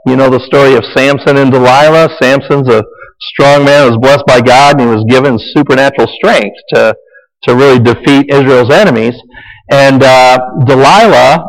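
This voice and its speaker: A man's voice: mid-range voice, gravelly. A man preaching a Bible lesson in a conversational, repetitive way, with offhand asides. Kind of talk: sermon-style teaching. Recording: echoey hall reverb.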